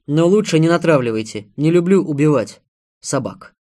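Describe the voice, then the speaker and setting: A man reading an audiobook, voicing a ruthless young armed guard who gives curt, loud orders. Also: fairly high pitch, animated, normal speed, natural voice. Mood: commanding. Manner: curt, commanding.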